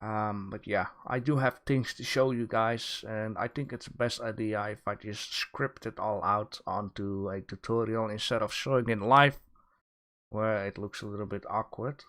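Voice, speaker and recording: A man's voice: on the low side, fairly even intonation, fairly bright tone. A man hosting a livestream, chatting casually with his viewers, joking and restarting his sentences as he goes. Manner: rambling, joking with chat, halting restarts. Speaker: livestream host giving art critique.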